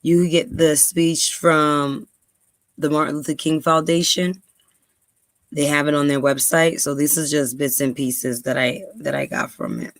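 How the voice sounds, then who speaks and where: A woman's voice: low-pitched, steady tone, unhurried, no echo. Dry-voiced New woman talking. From New York, USA. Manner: conversational, frequent ums, speeds up when stressing points. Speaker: podcast host. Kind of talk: casual commentary and reading aloud.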